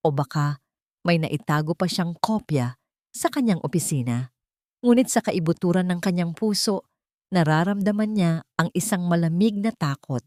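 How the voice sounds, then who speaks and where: A woman with a Filipino accent narrates a scripted dramatic story in a lowish voice with a darkish tone. The recording is studio quality with no room sound.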